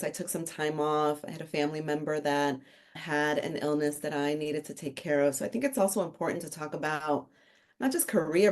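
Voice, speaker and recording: A woman's voice: low-pitched, darkish tone. A middle-aged woman from the Dominican Republic, a guest on a podcast telling her career story in a casual, joking way. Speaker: podcast guest, author and consultant. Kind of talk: casual interview chat.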